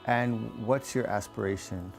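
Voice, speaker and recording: A man's voice: on the low side, measured pace, gravelly. A man hosting a TV talk show, presenting in a scripted, upbeat way and then asking questions more casually. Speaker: show host. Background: faint background music.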